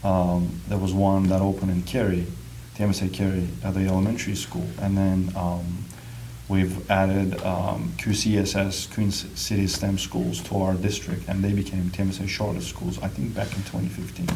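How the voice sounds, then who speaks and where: Low-voiced man from Turkey, hesitant. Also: level tone, moderate pace, creaky, warm tone, slight background noise, low-quality recording. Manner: hesitant, many ums. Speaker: school marketing coordinator. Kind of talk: interview answers. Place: school building.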